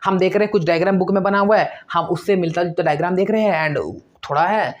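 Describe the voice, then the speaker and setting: Speaking quickly in a high voice, this exam-prep teacher urges students on with study advice. He hammers his points home through repetition and a stream of rhetorical questions.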